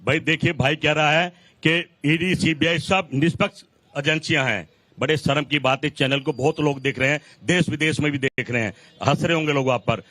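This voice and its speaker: A man's voice: on the high side, moderate pace, pushed and bright, no echo. A man speaking for the opposition in a debate, accusatory and mocking in a rhetorical way. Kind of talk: debate argument.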